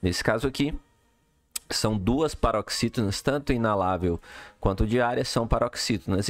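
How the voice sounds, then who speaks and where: Speaking at a mid-range pitch with no room sound, a man teaches a recorded lesson, working through the exercise answers step by step. His style is explanatory, and he keeps checking that the listener is following with "tá?" and "beleza?"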